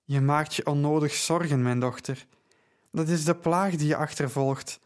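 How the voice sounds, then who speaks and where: A man voicing a calm, dignified, cheerful father who speaks reassuringly, in an audiobook. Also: on the high side, moderate pace, natural voice.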